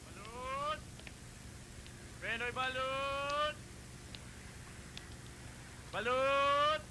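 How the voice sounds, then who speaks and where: High, drawn-out street hawker. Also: male voice, sharp tone, slight background noise, heavily acted. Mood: calling out. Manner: drawn-out vendor's street cry. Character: male street hawker calling out duck eggs.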